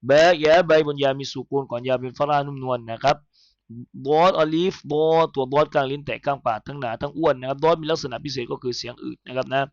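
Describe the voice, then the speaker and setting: A man teaching Quran recitation. He spells verses letter by letter in a chanted tone, then explains how each sound is made, slowly and politely. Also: medium pitch, steady tone, no room sound, highs cut off.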